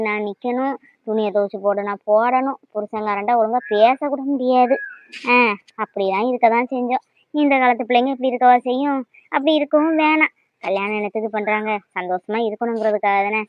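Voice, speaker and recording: A woman's voice: a little high, no room sound, muffled recording, lightly acted. A woman voicing a worried older mother. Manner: lamenting, sighing complaints. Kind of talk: cartoon voice acting.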